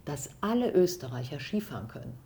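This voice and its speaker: A woman's voice: deep voice, very animated, brisk, warm tone. A woman from Hesse hosting a podcast, chatting with a guest in his home and asking curious follow-up questions. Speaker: podcast host. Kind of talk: casual interview.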